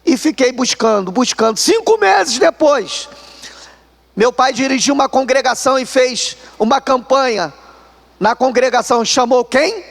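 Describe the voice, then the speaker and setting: A man with a Brazilian accent preaching a sermon, telling a personal story with animated delivery and often calling the listeners brother. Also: very high voice, measured pace, vocal fry. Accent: Brazilian Portuguese. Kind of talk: sermon testimony.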